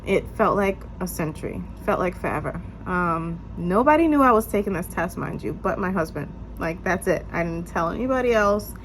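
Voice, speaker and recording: Her voice fairly low-pitched and expressive, a young vlogger tells a casual story time at home to a camera on a tripod, talking at normal speed with few pauses. She's stuffy and slightly nasal, chatty, and leans on fillers like "um" and "you guys". The audio is poor with slight background noise.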